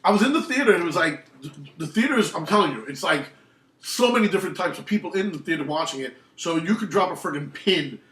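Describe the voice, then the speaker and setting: A man's voice: a little high, quick pace, distant mic. A man, telling rambling film stories in casual chat, full of restarts. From New York. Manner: rambling, animated storytelling with many restarts. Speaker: podcast host. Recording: roomy echo, off-mic.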